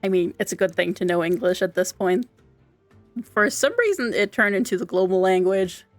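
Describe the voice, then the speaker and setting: On a game stream, a young Austrian woman with an Austrian German accent, German being her native language, keeps up giggly, chatty live-stream talk that halts and restarts. Her medium-pitched voice is animated, and the dry close-mic recording carries quiet game music.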